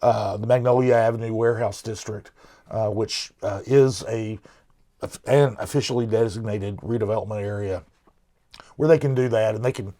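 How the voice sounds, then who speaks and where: A man's voice: on the low side, moderate pace, mellow. A middle-aged man co-hosting a local news podcast, talking casually with many restarts and fillers. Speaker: podcast co-host.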